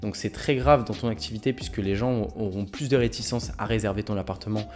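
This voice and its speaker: A man in his twenties giving energetic, informal advice straight to the viewer in a vlog. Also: lowish voice, a little fast, soft background music. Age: 20s. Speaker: real estate youtuber. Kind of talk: direct-to-camera advice vlog.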